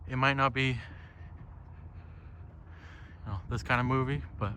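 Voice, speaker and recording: Speaking fast in a bright, forceful, medium-pitched voice with a steady tone, the solo podcaster muses casually and reflectively, rambling on with free profanity. He often tags phrases with "right?". Birdsong and outdoor ambient noise surround him on the lakeside trail.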